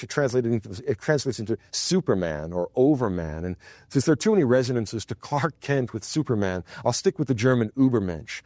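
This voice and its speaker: A man giving a university philosophy lecture, expressive and wry, chuckling mid-sentence and dropping low and slow for emphasis. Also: no room sound, studio quality.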